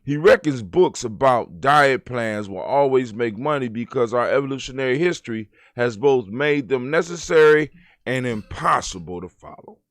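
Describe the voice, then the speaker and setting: A man's voice: mid-range voice, expressive, normal speed, no room sound, studio quality. A man hosting a casual talk show, reacting to news with profane rants and reading articles aloud. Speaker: podcast host.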